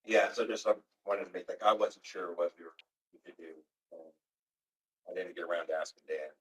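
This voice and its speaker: A man on town staff explaining meeting procedure in a casual, halting way. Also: low voice, steady tone. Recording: roomy hall, mic far off.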